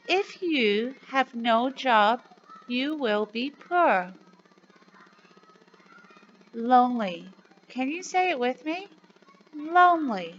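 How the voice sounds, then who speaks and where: A woman teaching a primary class, speaking slowly and clearly, spelling words letter by letter and inviting the children to repeat after her. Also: a little high. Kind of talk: slow, clearly enunciated review lesson for young children. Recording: slightly dull recording with faint room noise.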